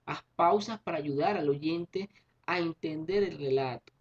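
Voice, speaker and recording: A man's voice: fairly high pitch, measured pace, husky, muffled recording. A male teacher giving a recorded class lesson, explaining patiently, rephrasing himself and checking in with tag questions.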